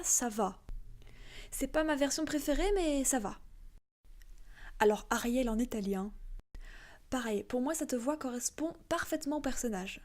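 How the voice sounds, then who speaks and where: A woman's voice: high-pitched, darkish tone. A woman giving frank, chatty opinions in a casual vlog, with many fillers. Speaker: video creator.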